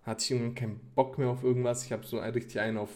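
Young male co-host, relaxed and slangy, casual podcast banter. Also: mid-range voice, very fast. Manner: relaxed, slangy, with mixed-in English phrases. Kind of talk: casual chat.

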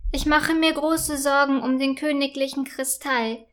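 A woman's voice: high-pitched, fairly even intonation, a little slow. A woman voicing a worried middle-aged queen who sighs and hesitates. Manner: sighing, hesitant.

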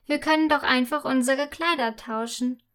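A woman's voice: high-pitched, moderate pace, fairly bright tone. A woman voicing a young girl princess in a storybook, eager and dreamy.

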